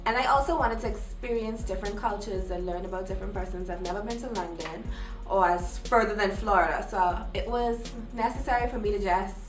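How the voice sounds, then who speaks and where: A woman's voice: mid-range voice, fairly quick, soft background music. Woman, from the Bahamas, matter-of-fact, distant mic, echoey room. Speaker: interviewee. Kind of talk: documentary interview.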